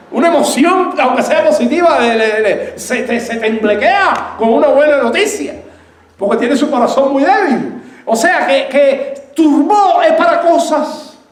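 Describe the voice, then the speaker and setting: A man preaches a sermon in a very high voice that rings around an echoey church room. He keeps asking his congregation questions and answering them himself. He mixes in laughs and raised, lively bursts. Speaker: pastor.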